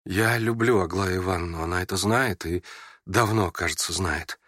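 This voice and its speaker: Ну мужчина изображает застенчивого молодого князя, мягко, запинается. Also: male voice, low voice, moderate pace, no echo, studio quality, voice pushed down. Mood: timid. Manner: soft, hesitant, stammering. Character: shy, gentle, earnest young prince.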